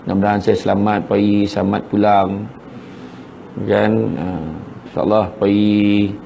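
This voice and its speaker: A man's voice: on the low side, little pitch movement, measured pace, vocal fry, lo-fi sound, slight background noise. A man with a Malaysian Malay accent, a religious teacher giving a morning lecture to a congregation. He tells stories in a conversational way and keeps asking his listeners to agree. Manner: conversational storytelling, asks listeners "kan?" often.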